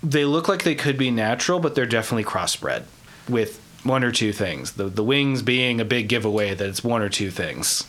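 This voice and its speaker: A man's voice: medium pitch, expressive, moderate pace, a bit bright, a little hiss or hum. A man running a tabletop role-playing game, casually describing a creature and the scene. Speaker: game master.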